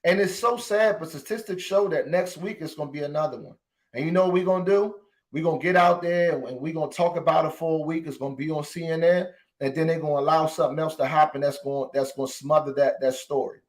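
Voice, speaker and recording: A man with a slightly high voice hosts a podcast and speaks with open emotion. He addresses his listeners directly and repeats phrases to drive each point home. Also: fast. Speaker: podcast host. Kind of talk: impassioned commentary.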